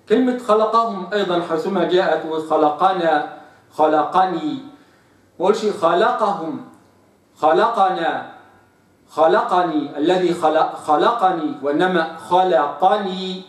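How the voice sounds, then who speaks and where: A man teaches the finer points of Quran pronunciation, sounding a little higher than most men. He corrects mistakes patiently and stretches out each model word slowly. He sounds set back from the mic, and his voice echoes around the room. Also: recorded from a distance. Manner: slow, drawn-out model recitations of single words. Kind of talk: tajweed lesson.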